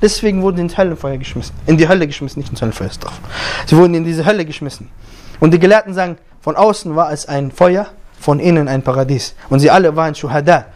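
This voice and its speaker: A male preacher giving a Friday sermon, telling a story with lively acted-out dialogue and quick recited Arabic verses. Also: fairly high pitch.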